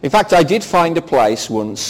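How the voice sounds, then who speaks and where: A man's voice: on the high side, very animated, drawn-out words. A man with an English accent preaching a sermon in short phrases for an interpreter, telling a humorous, self-mocking story. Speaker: pastor. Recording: hall reverb.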